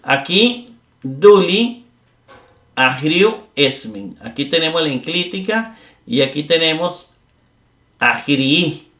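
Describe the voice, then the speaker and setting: A man's voice: a little high, expressive, takes it slowly, long pauses, bright, forceful tone, roomy sound. A man teaching a grammar lesson, explaining step by step and often checking in with his listeners. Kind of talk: classroom lecture.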